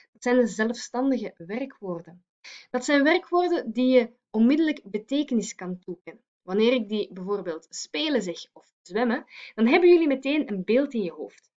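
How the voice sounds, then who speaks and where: A woman teacher explains grammar in a recorded lesson, setting out each step clearly and correcting her own slips. Her voice sits a little high. The recording sounds dull and lo-fi.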